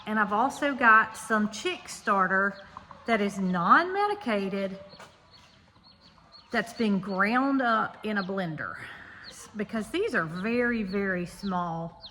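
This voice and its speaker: A woman's voice: medium pitch, expressive, slow, bright, forceful tone. A woman giving a casual, folksy farm vlog, talking straight to viewers inside an echoing barn. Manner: folksy, addresses viewers directly. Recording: echoey barn, clear background noise, birds.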